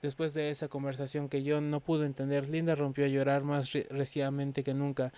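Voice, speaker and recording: Flat-voiced man reading a novel aloud. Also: mid-range voice, clean tone. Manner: halting reading with frequent restarts. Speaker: reader.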